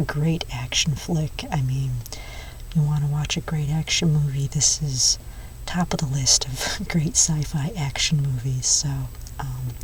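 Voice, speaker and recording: A woman playing a chatty, nerdy movie-store clerk in a whispered role-play, soft-spoken and rambling, with unhurried enthusiasm. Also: sits low, recorded from a distance, a little hiss or hum. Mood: helpful, recommending.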